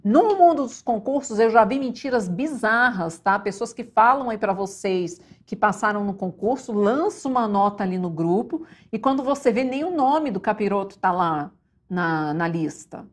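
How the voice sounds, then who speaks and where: A Brazilian woman psychologist hosting a live online talk, chatty and animated, often checking in with her viewers. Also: mid-range voice, normal speed. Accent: Brazilian Portuguese. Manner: chatty, addresses viewers as "gente", frequent "tá?" tags; animated, gives stage directions to the crew mid-talk.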